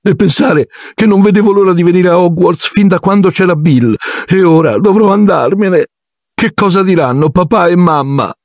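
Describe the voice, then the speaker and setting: A woman's voice: fairly low pitch, moderate pace, darkish tone, no echo, studio quality, pitched above the performer's own voice. A man voicing a frightened young girl who stammers through sobs, in a storybook reading. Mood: sobbing. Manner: stammering, sobbing.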